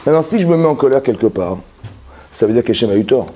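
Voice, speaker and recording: Mellow-voiced rabbi teaching a lesson. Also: male voice, medium pitch, lively intonation, fast, slightly rough. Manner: explains with everyday examples, asks the audience if they follow; many restarts and repeated words. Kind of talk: Torah lesson.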